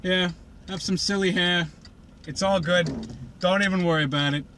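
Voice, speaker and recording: A man's voice: high-pitched, steady tone, normal speed, a bit bright, slight background noise. A man voicing a fussy, fashion-obsessed female pony who brushes everyone off. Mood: dismissive.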